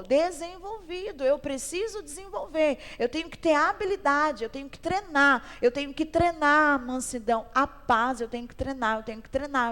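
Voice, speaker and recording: A woman's voice: high-pitched, fairly bright tone. A woman pastor teaching a Sunday school Bible class in a conversational way, asking the class questions and repeating her phrases. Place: church hall. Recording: long hall reverb.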